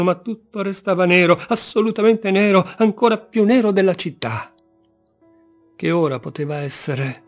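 A man narrates a literary tale in a theatrical reading, his fairly high voice carrying a gravelly rasp. He sinks into near-murmurs, then surges into loud, forceful outbursts. Soft music plays faintly behind him. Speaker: audiobook reader.

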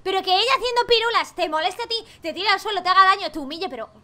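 A young woman with a Spain Spanish accent giving jokey, animated commentary while playing and reading a dating game. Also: very high voice, very fast. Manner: animated and jokey, swears playfully, laughs often. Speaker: gaming YouTuber.

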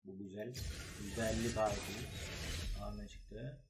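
A man's voice: on the low side, fairly even intonation, unhurried, heavy background noise. A man giving casual gameplay commentary as a gaming YouTuber, talking in short, slangy, reactive remarks.

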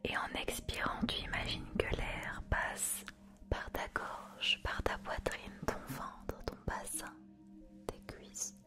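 A young adult woman guiding an ASMR hypnosis in a hushed whisper, soothing and instructing, close to the microphone. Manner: slow, soothing, instructing delivery. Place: small dim indoor room.

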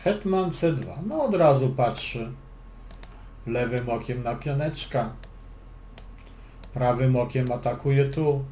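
A man's voice: mid-range voice, slow, long pauses, warm tone. A man giving a chess lesson, calling moves and explaining plans, with dry joking asides. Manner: dry joking asides between move calls. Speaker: chess instructor. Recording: echoey room with faint background noise.

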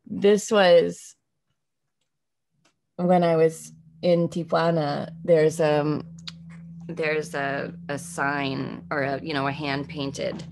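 Through a webcam on a video call, an author in her forties speaks from her home, bookshelves around her, giving thoughtful, searching interview answers full of fillers and restarts. Her voice is low and creaky.

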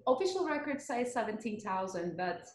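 A Turkish woman in her thirties, a geotechnical earthquake engineer, answers interview questions conversationally as a podcast guest. Her voice sits on the high side and is sing-song and darkish, at a moderate pace. She is at home in her living room, speaking into a computer mic on a video call that carries a roomy echo.

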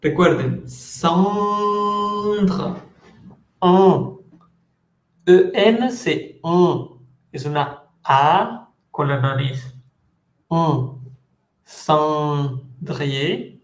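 A man teaching a French class in Spanish, slowly repeating words and switching between languages while calling on students by name. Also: a little high, animated, echoey room. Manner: slow, patient, repeats words to drill pronunciation.

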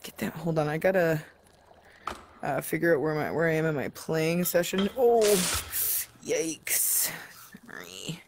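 A woman talks her way through a VR game in a slow, lowish voice. She mutters and swears at what happens in the game, sometimes sinking to a whisper. A faint hum of noise sits under her voice. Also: expressive, darkish tone. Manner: mutters to herself, swears often, drops into whispers. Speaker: VR game player. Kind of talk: casual gameplay commentary.

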